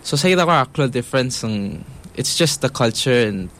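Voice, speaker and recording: A young man with a Palauan accent speaks as an interviewee, thinking aloud in a halting, conversational way. His voice sits at a medium pitch and he slips between two languages. Faint ambient noise sits behind him. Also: animated. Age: young adult. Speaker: interviewee, university student.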